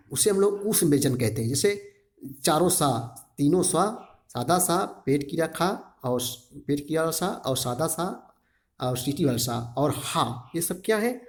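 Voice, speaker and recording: A male teacher giving an exam-prep grammar lesson, sounding out syllables one by one and repeatedly asking the class a question before answering it himself. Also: a little high. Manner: drills syllables aloud, asks and answers his own questions; repeats a quiz-style question to the class again and again.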